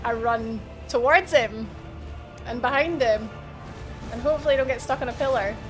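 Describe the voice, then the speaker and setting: This video game streamer from Edinburgh, Scotland speaks at a normal speed in a voice on the high side, with music behind her in a low-quality recording. Her live gameplay commentary is casual and informal as she thinks aloud and chats with viewers.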